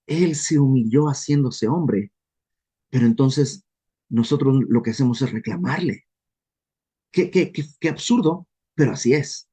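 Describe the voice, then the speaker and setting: A man with a Mexican accent leading a casual verse-by-verse Bible study, lively and self-deprecating, often acting out questions in quoted voices. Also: mid-range voice, a little slow, husky. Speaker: Bible teacher.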